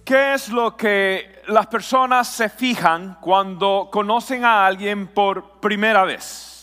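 A man preaching a lively sermon as a pastor, asking his audience questions and joking with them. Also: high-pitched, takes it slowly, clear, resonant tone, in a large hall, soft background music. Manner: lively, talks with an audience, asks questions and jokes.

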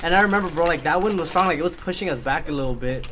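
A man's voice: a little high, racing, fairly bright tone, a little hiss or hum. A young man telling anecdotes in casual, slangy bro talk. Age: young adult.

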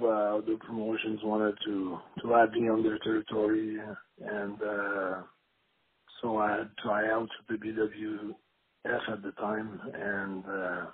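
Over a tinny phone line, a Montreal man in his fifties with a Quebec French accent tells stories casually as an interview guest. This ex-pro wrestler has a fairly low, husky voice and rambles with plenty of "you know" fillers.

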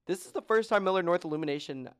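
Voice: medium pitch, lively intonation, very fast, smooth. A podcast host in casual chat, joking and running through long lists of results with many ums.

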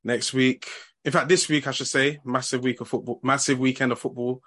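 A man's voice: mid-range voice, steady tone, brisk, a bit bright. A man with a London roadman accent and slangy delivery, hosting a casual football chat in a laid-back way. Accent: London, multicultural roadman slang. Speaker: podcast host.

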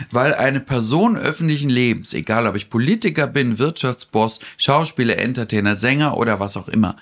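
A man with a mid-pitched voice, holding forth in lively podcast chat. He sounds indignant and theatrical, and he acts out whole exchanges with other people as he goes. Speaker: podcast host. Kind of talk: animated casual chat.

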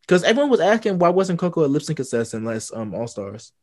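A man co-hosting a casual chat, rambling quickly with lots of fillers and the odd swear. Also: on the high side, big pitch swings, darkish tone. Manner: rambling, fast, filler-heavy, swears freely. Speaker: podcast co-host.

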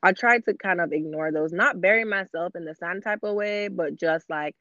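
A woman's voice: fairly low pitch, normal speed, sharp tone, dry recording. Candid woman in her thirties, dull sound. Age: 30s. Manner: candid, open storytelling. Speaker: podcast guest. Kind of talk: casual interview chat.

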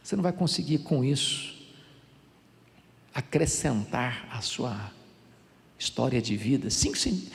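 A middle-aged man from Brazil with a Brazilian Portuguese accent, preaching a sermon, telling stories with animation and building to loud, emphatic prayer. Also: medium pitch, animated, measured pace, vocal fry, long pauses. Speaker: pastor. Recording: long hall reverb.

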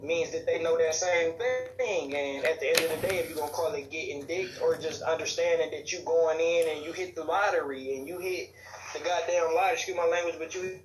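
A man's voice: a little high, steady tone, a little fast, reverberant, recorded from a distance, noisy background. Man on a breaking-up call line. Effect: choppy call connection breaking up. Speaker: caller on a remote line. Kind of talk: casual chat.

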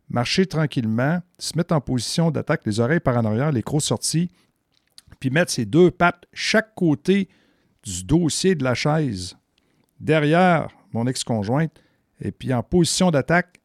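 An animated man with a Quebec French accent tells a story in relaxed podcast chat. His voice sits in a middle range and sounds close and dry, with almost no room around it. He drops casual swear words as he goes. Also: medium pitch, no room sound. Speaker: podcast co-host.

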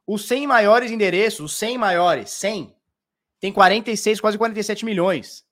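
This man from Santos, Brazil, speaks at normal speed in a high, somewhat bright voice. His casual crypto market talk is full of teasing jabs at the viewer and repeated "ó" to point things out.

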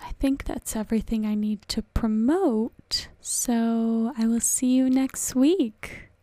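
Woman doing her own podcast, chill and slow, kinda self-aware, dry recording. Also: fairly high pitch, no room sound. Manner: calm, unhurried, self-aware. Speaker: podcast host. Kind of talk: solo podcast talk.

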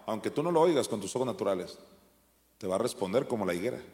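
A man preaching a sermon, swinging from shouted commands down to quiet, low asides. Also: lively intonation, fast talker. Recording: long hall reverb.

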